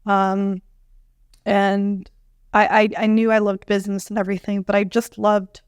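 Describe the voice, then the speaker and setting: A young adult woman from a Bolivian family, a dietitian guest telling her story in an animated way, full of fillers and acted-out quotes. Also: medium pitch, unhurried, clean tone, no echo, clean studio sound. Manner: animated, many fillers, acts out quoted dialogue. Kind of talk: conversational storytelling interview.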